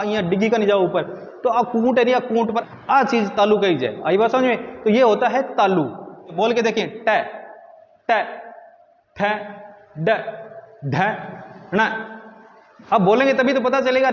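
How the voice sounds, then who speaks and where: High-voiced man teaching in an echoey room. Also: lo-fi sound. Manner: asks questions and answers them himself. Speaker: Hindi grammar teacher. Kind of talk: exam-prep lesson.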